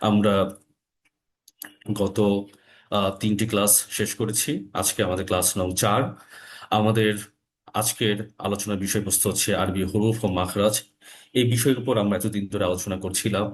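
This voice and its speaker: A man teaching Arabic letter pronunciation in an online lesson, slow and deliberate, repeating each sound for his learners. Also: lowish voice, fairly even intonation. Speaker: Quran recitation teacher.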